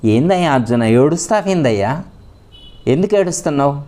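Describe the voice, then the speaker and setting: A man voicing a wise, calm male god who teases and gently scolds a weeping warrior. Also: a little high, normal speed, close to an everyday voice. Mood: chiding. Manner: teasing, questioning, gently scolding.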